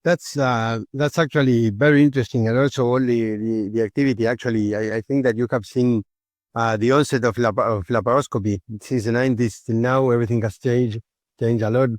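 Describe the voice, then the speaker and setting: A man's voice: medium pitch, steady tone, a little fast, no echo. A young man from Argentina, interviewing a guest and asking questions with fillers and repeated restarts. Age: young adult. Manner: repetitive restarts, many fillers. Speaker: interviewer, surgeon.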